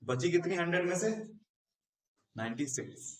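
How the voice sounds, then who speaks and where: A man's voice: fairly high pitch, animated, moderate pace. A male math teacher giving a Hindi-English classroom lesson, explaining step by step and asking and answering his own questions. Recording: echoey room, mic at a distance.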